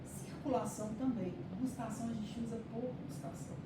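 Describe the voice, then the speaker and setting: She speaks fairly quickly in a slightly high voice with fairly even intonation, lecturing students on hypnosis and neuroscience and confirming they follow each step. The recording is echoey, distant and noisy.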